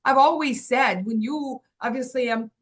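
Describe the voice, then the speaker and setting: A Moroccan woman in her fifties, an agency founder, tells her life story as an interview guest. Her voice is high-pitched at a normal speed, and she speaks earnestly and reflectively, with lots of "um"s and "like"s.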